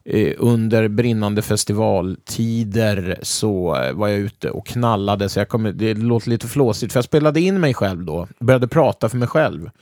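A man hosting a podcast in relaxed, rambling casual chat, often hesitating. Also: lowish voice, hardly any pauses, no room sound, studio quality. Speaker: podcast host.

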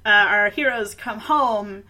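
Woman, casual movie chat, animated, swears freely, slips into character voices, sharp bright tone. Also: mid-range voice, rough recording. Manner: animated, swearing, acts out characters in quick bursts.

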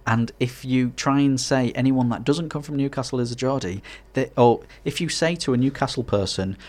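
A man's voice: mid-range voice, moderate pace, a little mellow. A man from Hartlepool with a Teesside accent, co-hosting a casual podcast in a hesitant, rambling way. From Hartlepool, northeast England. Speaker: podcast co-host.

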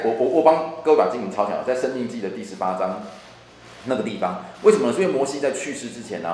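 A man teaching a church Bible class, repeating and restarting phrases as he explains. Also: lowish voice. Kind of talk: Bible study lecture. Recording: echoey room, faint hum.

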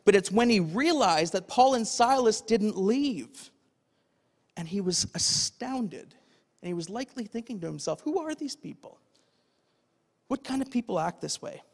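A pastor preaching a conversational sermon, often checking in with "okay?" and asking the congregation questions. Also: male voice, sits high. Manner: asks the audience rhetorical questions. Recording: long hall reverb.

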